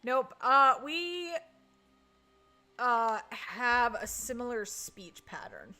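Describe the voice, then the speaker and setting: A woman's voice: a little high, sing-song, very slow, sharp tone, soft background music. A woman chatting casually on a live stream while playing, reading and answering chat and groaning at misses. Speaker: game streamer.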